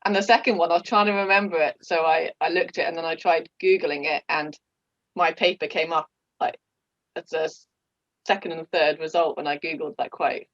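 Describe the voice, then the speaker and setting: A woman's voice: sits low, steady tone, a little fast, dry recording. A woman in her thirties hosting a casual interview, friendly and giggly, with frequent fillers. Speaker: podcast host. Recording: dull, dry lo-fi audio.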